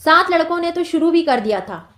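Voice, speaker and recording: Brief: sulky tearful schoolboy, read by a woman teacher, complaining, high voice, echoey room. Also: lively intonation, fairly quick, a bit bright. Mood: plaintive. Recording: roomy echo.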